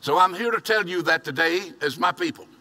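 Standing at a podium in an outdoor church parking lot, an older pastor delivers a sermon in a bright, fairly high voice, speaking a little fast. He is earnest and keeps repeating his key phrases for emphasis. A distant podium mic picks him up, and vehicles hum faintly in the background.

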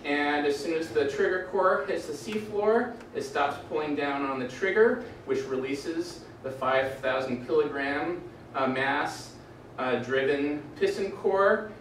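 A man's voice: fairly high pitch, distant mic, slight background noise. Man presenting in an echoey lecture room. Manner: relaxed, with dry jokes and frequent "uh" fillers. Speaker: doctoral candidate presenting his defense. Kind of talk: academic presentation.

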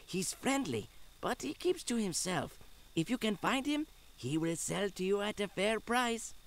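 Sly game villager spilling gossip, high voice, very lively. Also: male voice, a little slow. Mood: knowing. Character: male villager sharing local gossip. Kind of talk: game character voice acting.

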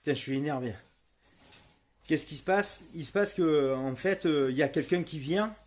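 A man's voice: a little high, moderate pace. A middle-aged man, a volunteer street medic, telling what happened to him in a heated, repetitive first-person testimony. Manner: starts subdued, grows loud and furious, repeats himself.

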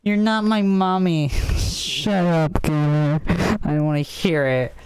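A man's voice: on the high side, slow pace, a little mellow. A drunk man in his twenties streaming a game, rambling and teasing in a slurred way. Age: 20s. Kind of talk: casual chat while gaming.

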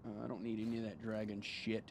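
A man's voice: lowish voice, quick pace. A young man giving casual, profane gameplay commentary, joking and talking trash to the enemies he fights. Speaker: gaming video host. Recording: steady background noise.

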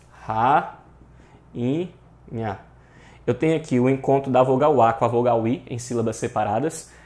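A man's voice: medium pitch, darkish tone. Man, Brazilian Portuguese accent, online grammar teacher, emphatic, repeats rules. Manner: addresses viewers often, repeats rules emphatically. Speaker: exam prep teacher. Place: online class.

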